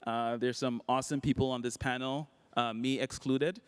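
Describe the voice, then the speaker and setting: A man's voice: mid-range voice, moderate pace, smooth. Upbeat man moderating a panel. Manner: relaxed, upbeat, many fillers. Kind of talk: casual panel talk. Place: conference hall.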